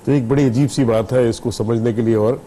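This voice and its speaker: A middle-aged man from Pakistan, a business leader guest on a TV talk show, arguing his case in a measured, explanatory way. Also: medium pitch, fairly even intonation, warm tone, slight background noise. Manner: measured, explanatory, argues patiently.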